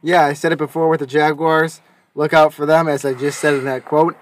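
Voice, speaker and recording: A man's voice: a little high, flat delivery, brisk, dry recording. A young man co-hosting a casual sports chat, talking with hesitations and self-corrections. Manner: hesitant, many fillers and restarts. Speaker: podcast co-host.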